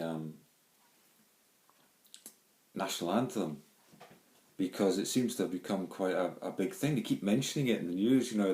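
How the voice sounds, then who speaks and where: A middle-aged man from Glasgow, Scotland, with a Glaswegian accent and a low, mellow voice, rambles through a home video monologue full of ums and restarts. It's recorded on a handheld phone or camera in an echoey room.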